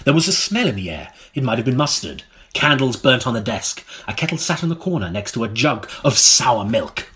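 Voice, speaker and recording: A man narrates a gothic tale in mock-serious audiobook fashion in a recording studio, with deliberate, melodramatic delivery. His voice sits at average male pitch, pushed and bright, with big pitch swings.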